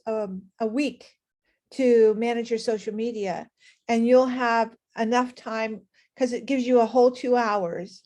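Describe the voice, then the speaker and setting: A woman's voice: a little high, a little mellow. A woman with a Californian accent co-presenting a social media workshop, enthusiastic, with frequent fillers. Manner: enthusiastic, lots of fillers and restarts. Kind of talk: casual workshop talk.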